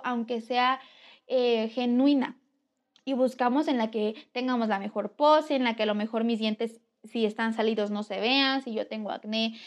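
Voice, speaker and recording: A young woman with a Mexican accent giving earnest, conversational advice in a casual talk to her viewers. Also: high-pitched. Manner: earnest, conversational, lively emphasis. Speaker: vlogger. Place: home near a railway.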